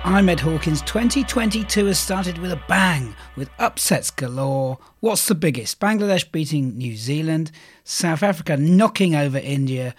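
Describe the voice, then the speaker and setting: A man with a croaky voice co-hosting a sports betting podcast in a presenter's style. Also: a little high, expressive, normal speed, soft background music. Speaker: podcast co-host.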